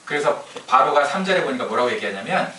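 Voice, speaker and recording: A man's voice: medium pitch, big pitch swings, quick pace, bright, forceful tone, slight background noise. A man preaching a sermon as pastor, telling the story in a chatty, humorous way, heard echoing from a distance. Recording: echoey room from a distance.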